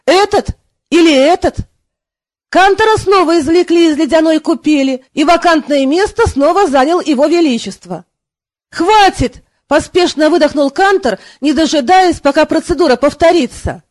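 A woman narrating an audiobook in a steady storytelling manner. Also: sits high, a little fast, few pauses, no room sound. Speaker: audiobook reader. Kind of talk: scripted narration.

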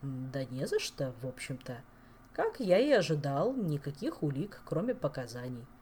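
A gloomy investigator laying out charges in a dry, matter-of-fact way, as a woman reader voices him. The voice sits low and moves with lively turns of pitch, telling a storybook scene. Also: normal speed, slight background noise.

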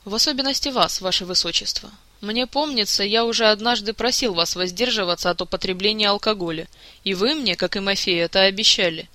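A man voicing a stern, formal old court wizard who scolds others in measured, reproachful tones. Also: high-pitched, sharp tone, dry recording.

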